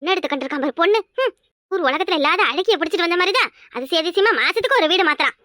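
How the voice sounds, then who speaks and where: Cartoon: a nagging Kanyakumari mother-in-law, very high, fast, shrill, dry studio. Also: lively intonation, sharp tone, dry recording, full character voice. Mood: scolding. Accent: Kanyakumari Tamil. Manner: scolding, quick and shrill. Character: sharp-tongued older village mother-in-law. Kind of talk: cartoon voice acting.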